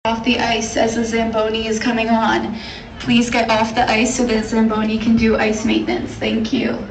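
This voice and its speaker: A woman making firm, repeated announcements to skaters through a loudspeaker at an outdoor rink. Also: a little high, completely flat delivery, normal speed. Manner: firm, repetitive instructions. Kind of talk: public announcements. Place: outdoor skating rink in a city square. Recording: echoey loudspeaker from far off, loud crowd and noise.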